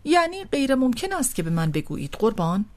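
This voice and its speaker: A woman's voice: on the high side, sing-song, pitched above the performer's own voice. A woman reading an audiobook voices an offended young man who protests earnestly and defensively. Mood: pleading. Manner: earnest, pleading.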